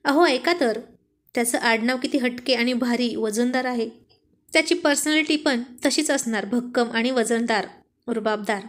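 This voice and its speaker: A woman's voice: a little high, normal speed, fairly bright tone, lightly acted. A woman reading a story aloud and voicing a cheeky, loyal young male assistant who teases his boss in a playful way. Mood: teasing. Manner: playful, teasing.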